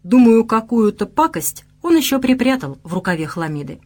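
A woman's voice: fairly high pitch, big pitch swings, normal speed, a little mellow. A woman voicing a wry, easygoing young former officer in an audiobook. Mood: calm. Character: wry young ex-officer groom, calm and joking.

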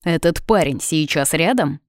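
A worried, blustering father barks questions down the phone, loud and insistent, as a woman reader puts him on. The audiobook voice is dry and close, sitting low. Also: expressive, moderate pace, no room sound. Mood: demanding. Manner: blustering, protective, interrogating. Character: worried gruff middle-aged father on the phone.

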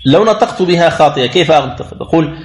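Male tajwid teacher, fairly high voice, deliberate and patient, echoey room. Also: expressive. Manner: slow, deliberate explanation with drawn-out recited examples. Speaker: Quran recitation teacher. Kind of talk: tajwid lesson commentary.

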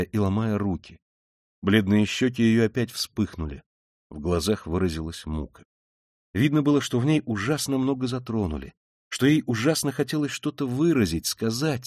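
A man narrating a classic novel as an audiobook in a measured storytelling manner. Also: mid-range voice, a little mellow, no echo, studio quality. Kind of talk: scripted literary narration.

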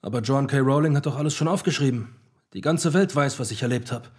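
A man playing a grown-up Harry Potter, husky and mild. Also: mid-range voice, quick pace, natural voice. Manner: mild, placating, slightly weary. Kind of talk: radio play acting.

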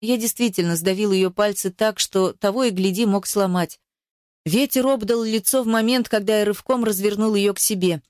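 A woman reading a first-person audiobook in a steady, expressive storytelling manner. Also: mid-range voice, normal speed, no echo, studio quality. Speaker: audiobook reader.

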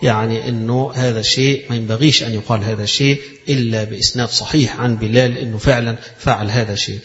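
Fast-talking Egyptian man lecturing. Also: mid-range voice, steady tone, a bit bright, faint music behind. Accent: Egyptian Arabic. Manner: reads a passage, then explains it in colloquial speech; demonstrates pronunciation by repeating phrases. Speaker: religious lecturer. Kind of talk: lecture explaining a read-out text. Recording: echoey hall, dull lo-fi sound.

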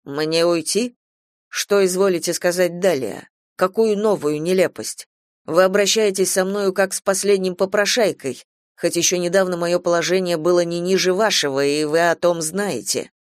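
A man's voice: sits high, moderate pace, dry recording, clean studio sound, natural voice. A man playing a steadfast, devoted farm manager who speaks earnestly and bluntly in a radio play. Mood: blunt reproachful.

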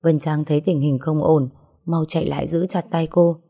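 A woman narrating a scripted story in a steady, even way. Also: low voice, moderate pace, gravelly.

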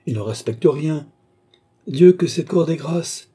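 A man's voice: fairly high pitch, animated, unhurried, mellow, slightly rough, pitched above the performer's own voice, full character voice. A man voicing a courtly, sly old male duke who teases with mock politeness. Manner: gallant, teasing, mock-polite.

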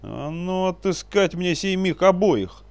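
A man playing a hot-tempered old-world nobleman in a storybook, who barks commands in a raised, lifted voice. The lines swing with lively intonation. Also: medium pitch, a little fast, voice pushed up, close to an everyday voice. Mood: furious. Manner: barking orders, imperious. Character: angry stern male boyar, commanding.

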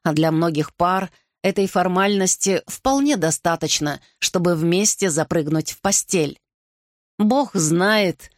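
A woman reading a historical novel aloud in an even, measured narration. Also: on the low side, no echo, clean studio sound. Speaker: audiobook narrator. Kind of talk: scripted narration.

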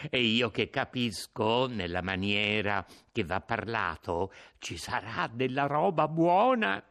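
A man's voice: mid-range voice, a bit bright. A man reading the part of a greedy old woman guarding a captive, grumbling and coaxing by turns.

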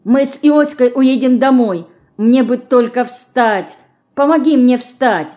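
A woman's voice: high voice, takes it slowly, warm tone, voice pushed up. A woman voicing a stubborn, insistent young girl in an audiobook. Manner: insistent, pleading.

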